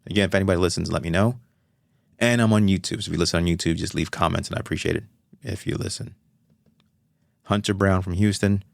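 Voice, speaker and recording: Male podcast host, very low gravelly voice, loose rambling delivery, dry close sound. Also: fairly even intonation, fast talker, long pauses, no room sound. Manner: rambling, self-correcting, chatty. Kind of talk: casual solo podcast talk.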